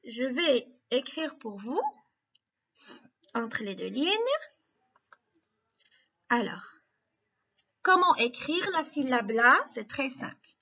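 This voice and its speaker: A high, bright-voiced woman teaching young children, speaking very slowly and patiently as she walks them through each step with encouragement. The recording sounds a little dull and lo-fi. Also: expressive, husky. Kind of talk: slow, clear classroom instruction for young children.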